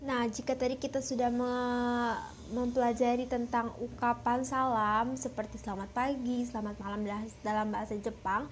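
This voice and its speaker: A young woman from West Java explaining a language lesson, often pausing with filler sounds. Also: on the high side, level tone, slight background noise. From West Java, Indonesia. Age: young adult. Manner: hesitant, many filler sounds. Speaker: language teacher.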